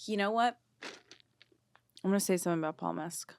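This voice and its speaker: A woman's voice: medium pitch, fairly quick, clear, resonant tone, no echo. A young woman co-hosting a podcast, chatting casually and telling stories with frequent laughs. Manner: chatty, storytelling, laughs often. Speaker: podcast co-host. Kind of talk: casual chat.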